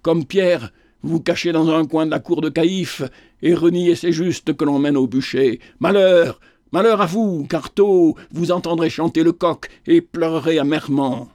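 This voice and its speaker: A man's voice: on the high side, unhurried, a little mellow, no room sound, studio quality, lightly acted. A man reading a fiery old prophet. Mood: accusing. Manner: impassioned preaching tirades.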